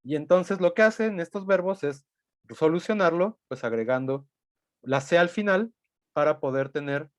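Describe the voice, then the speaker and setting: A man's voice: fairly high pitch, moderate pace, no echo. A man teaching a language class, explaining step by step and thinking aloud, often checking in with tag questions. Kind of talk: recorded lecture.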